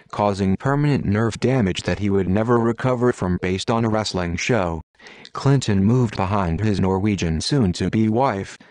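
A man reading an audiobook aloud in a deadpan, matter-of-fact way. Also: on the low side, no room sound, studio quality. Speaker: audiobook narrator. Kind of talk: scripted audiobook narration.

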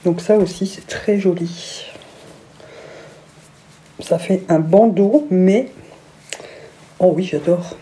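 A woman talks casually through a haul on camera and gushes over everything she shows. Her voice sits low for a woman and has a very dark, mellow tone. She now and then drops into a soft whisper. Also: slow pace, pauses often, a little hiss or hum. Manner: gushing, enthusiastic, exclamatory. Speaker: vlogger.

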